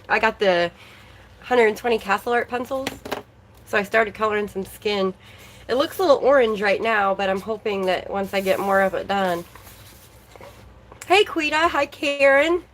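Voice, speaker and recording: A chatty woman hosting a relaxed livestream, talking along and greeting viewers by name. Her voice is a little worn, as if she is losing it. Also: medium pitch, slight background noise, rough recording. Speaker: livestream host. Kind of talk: casual livestream chat.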